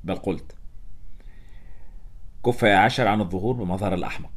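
A man's voice: lowish voice, fairly quick, lightly acted. A man voicing a sneering male pilot who speaks in a mocking, sarcastic way.

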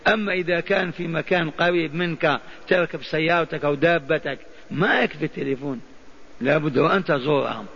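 A man's voice: fairly high pitch, brisk, a bit bright, husky. An older man giving a mosque lesson on hadith, putting questions to his listeners and answering them himself. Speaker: Islamic scholar teaching hadith. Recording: dull lo-fi archive recording.

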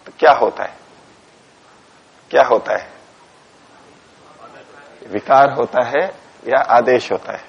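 A man teaches a class on a philosophy text, reading Sanskrit lines aloud, explaining each in Hindi, and dictating punctuation to his students. He asks the class questions and answers them himself in a husky, gravelly, medium-pitched voice, speaking slowly and pausing often. The lecture recording is dull and lo-fi.

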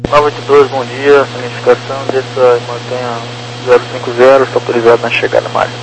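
A man's voice: mid-range voice, level tone, quick pace. A man working as an air traffic controller, giving clipped procedural instructions over two-way radio. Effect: two-way aviation radio. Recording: slightly noisy, humming radio transmission.

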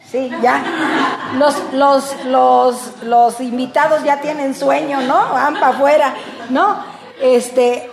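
An older woman with a Mexican accent preaching a folksy, conversational sermon, calling her listeners "brothers" and swinging between loud and hushed. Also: high-pitched, echoey room. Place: church hall.

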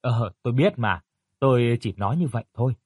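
A tearful, fretful mother , as a male storyteller puts her on, her pitch lifted above his usual voice. She frets and pleads in a husky, dry tone. The storybook reading stays close to the mic. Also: animated, fairly quick, darkish tone, dry recording. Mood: polite. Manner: anxious, fussing, pleading. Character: worried, tearful middle-aged mother.

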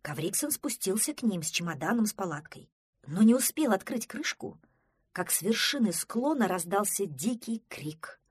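A woman narrating a children's storybook with a lively, expressive delivery and a husky tone. The recording is close and dry. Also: mid-range voice, normal speed, no echo. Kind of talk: storybook reading with character voices.

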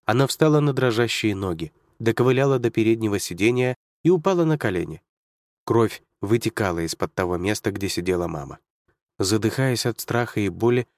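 A man narrating a story in a dramatic, scripted storytelling manner. His voice sits at a middle pitch for a man. The recording is close and dry. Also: no echo.

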